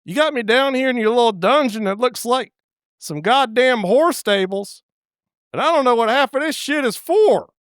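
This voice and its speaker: A man's voice: lively intonation, moderate pace, fairly bright tone, smooth, no room sound, clean studio sound. A man voicing a nervous, indignant young woman who stammers. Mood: alarmed. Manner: squeaky, stammering, exasperated.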